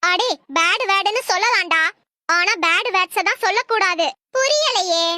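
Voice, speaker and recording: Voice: very high voice, lively intonation, moderate pace, very noisy. A performer voicing an exasperated female schoolteacher who scolds her cheeky pupils in a comedy cartoon. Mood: scolding. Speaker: teacher.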